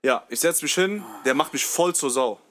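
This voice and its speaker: A man's voice: fairly high pitch, expressive, moderate pace. A young man hosting a podcast, telling rambling school stories in casual, slang-filled chat. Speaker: podcast host.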